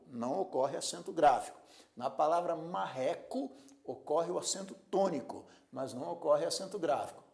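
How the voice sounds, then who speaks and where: Homem professor, voz grave e rouca, entonação viva. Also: male voice, fairly high pitch, gravelly. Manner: slow, emphatic stressing of syllables in example words. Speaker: Portuguese grammar teacher. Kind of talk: recorded lecture.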